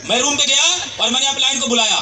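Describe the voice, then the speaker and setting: A man's voice: extremely high pitch, fast, background noise. A man giving a storytelling motivational speech to a live audience in a hall, acting out quoted dialogue and calling out to the crowd. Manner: animated, acts out quoted dialogue, calls out to the crowd. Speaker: motivational speaker at a sales meeting.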